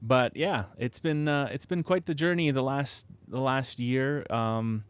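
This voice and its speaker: A man with a medium-pitched voice and clean tone speaks at a measured pace in a dry recording. He's a livestream host building model kits at home, chatting casually with viewers in a rambling way full of restarts and fillers, chuckling often. He sits close to a studio mic, so proximity effect is audible.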